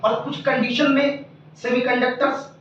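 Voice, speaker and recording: A man's voice: very high-pitched, flat delivery, moderate pace, fairly bright tone, a little hiss or hum. A man who teaches physics, giving emphatic exam tips as an interview guest and rattling off lists of topics. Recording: echoey, distant, dull room sound.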